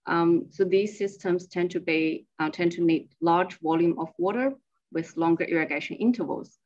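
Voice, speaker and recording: A woman's voice: fairly low pitch, moderate pace, a little mellow, muffled recording. A woman research associate giving a slide presentation over a remote screen-share call, explaining her work step by step.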